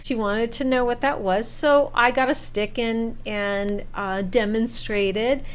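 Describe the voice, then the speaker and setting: Speaking slowly in a smooth, slightly high voice with fairly even intonation, a storyteller shares a personal camping experience in a casual way. She performs snippets of dialogue and repeats words to stress them.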